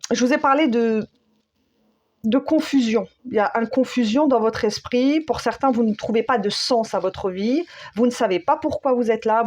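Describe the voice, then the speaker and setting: A woman giving a spiritual tarot guidance, speaking slowly and searching for words, with many fillers and repeated phrases. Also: a little high, a little mellow. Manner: slow, soothing, repeats key phrases. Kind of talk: spontaneous spoken guidance.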